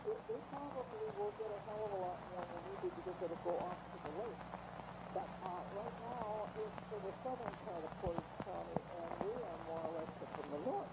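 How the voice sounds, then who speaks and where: Man, rambling casual chat over a landline phone, high-ish voice, muffled line with hiss. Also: animated, fairly quick, creaky. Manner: rambling, chatty, trails off and laughs it off. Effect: heard over a landline phone.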